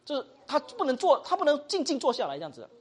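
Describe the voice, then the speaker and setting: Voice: high voice, huge pitch swings, fast talker. A teacher giving a Bible study lesson, mixing in English words, often asking the class questions and tagging sentences with little particles. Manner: acts out example dialogues.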